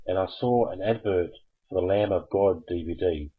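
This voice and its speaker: Male streamer-host, low husky voice, chatty and teasing, muffled lo-fi sound. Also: normal speed. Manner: chatty, joking, coaxing viewers to call. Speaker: host of a live call-in show. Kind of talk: casual live-stream monologue and call-in chat.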